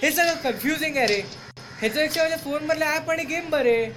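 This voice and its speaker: An actor playing a whiny, apologetic younger brother who prefers phone games to kite flying. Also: male voice, very high voice, quick pace, music in the background. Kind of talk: short film acting. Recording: outdoor location sound with faint noise.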